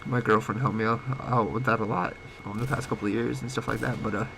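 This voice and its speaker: Late at night, a young vlogger with a cold talks about personal things in a gravelly, mid-range voice with fairly even intonation that occasionally cracks. His speech is rambling and halting, packed with fillers and restarts, picked up by a home microphone whose level rises and falls over faint hiss.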